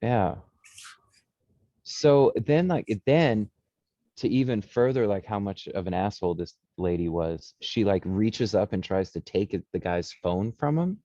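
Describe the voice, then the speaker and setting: A man with a low, mellow voice and a dry sound talks animatedly in casual podcast chat. He swears freely and fills gaps with "like" and "um". The audio is a little dull and lo-fi. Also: a little slow, dry recording. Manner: animated storyteller, swears, many fillers. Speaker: podcast co-host.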